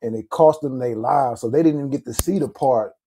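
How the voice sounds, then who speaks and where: A man's voice: medium pitch, brisk, warm tone, a little hiss or hum. A man co-hosting a casual podcast, talking in long rambling runs with restarts and "you know what I'm saying". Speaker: podcast co-host. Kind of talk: casual group chat.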